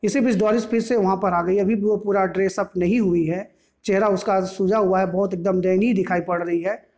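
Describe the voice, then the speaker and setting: A man's voice: sits high, steady tone, a little fast, a little mellow. A male teacher explaining a play, retelling and clarifying each line as he goes. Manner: retells each line in mixed Hindi and English, repeating and clarifying.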